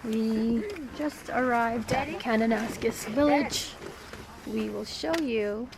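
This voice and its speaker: A woman's voice: on the high side, fairly even intonation, takes it slowly, background noise. A woman narrating a casual family travel vlog in a chatty way, often laughing. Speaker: vlogger.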